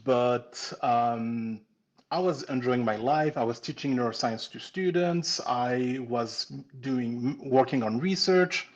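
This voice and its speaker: A man's voice: mid-range voice, takes it slowly, dull audio. A man in his forties from France with a French accent, hosting a casual live webinar on pastry-making and often restarting his sentences. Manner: chatty, warm-hearted, with frequent restarts and "um"s. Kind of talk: casual live-stream teaching. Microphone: computer mic on a live stream.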